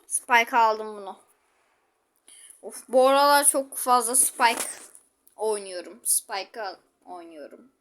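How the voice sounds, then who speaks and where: Brief: woman gaming host, high pitch, chatty live commentary with sharp exclamations. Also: takes it slowly, long pauses. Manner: chatty, exclaiming, talks to viewers while playing.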